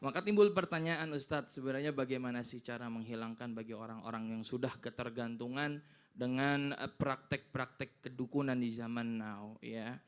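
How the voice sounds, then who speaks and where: A man's voice: mid-range voice, fairly even intonation, moderate pace, smooth. A man hosting a televised religious talk show, chatty and asking the preacher questions. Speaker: TV host.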